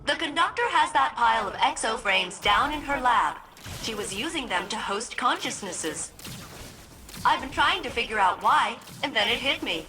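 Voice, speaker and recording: A chatty ship AI. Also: female voice, on the high side, animated, pushed and bright, a little hiss or hum. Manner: chatty, joking, quick asides. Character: chatty female ship AI, jokey and eager. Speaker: game character. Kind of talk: video game cutscene dialogue.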